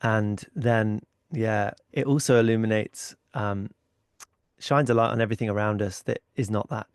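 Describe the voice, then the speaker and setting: A man's voice: fairly low pitch, steady tone, moderate pace, smooth, dry recording, studio quality. A man hosting a podcast interview, talking in a thoughtful, casual way with many "like"s. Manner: thoughtful, uses "like" often, acts out inner thoughts. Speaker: podcast host.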